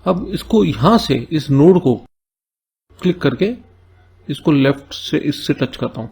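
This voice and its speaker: A man's voice: fairly high pitch, expressive, gravelly, darkish tone, breathy edge. A man teaching a coding tutorial, explaining each step and often checking in with "है ना?". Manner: explains step by step, keeps asking "है ना?"; reads English task notes slowly between Hindi explanations. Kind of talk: screen-recorded coding tutorial.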